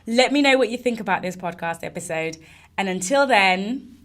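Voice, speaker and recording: A woman wrapping up her podcast episode in a brisk, upbeat manner. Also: mid-range voice, animated. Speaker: podcast host. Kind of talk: podcast outro.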